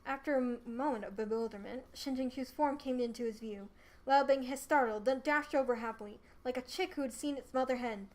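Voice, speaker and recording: A young adult woman streamer narrating a novel live, reading aloud in an expressive, theatrical way. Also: high-pitched, a little fast.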